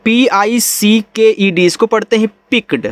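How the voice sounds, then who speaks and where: A man teaching English reading, spelling words letter by letter, then saying them slowly. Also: high voice. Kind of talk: spelling-out phonics lesson.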